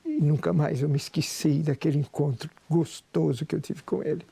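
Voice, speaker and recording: Brazilian pastor in his sixties, high-pitched, gravelly, husky, emotional testimony. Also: steady tone, normal speed, dark tone. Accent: Brazilian Portuguese. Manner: emotional, preacher-like storytelling. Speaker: pastor and businessman. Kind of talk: fervent personal testimony.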